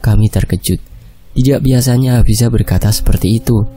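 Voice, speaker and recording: Male audiobook narrator, horror story, steady calm reading, deep warm timbre, average pitch. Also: fairly quick. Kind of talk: scripted horror novel narration.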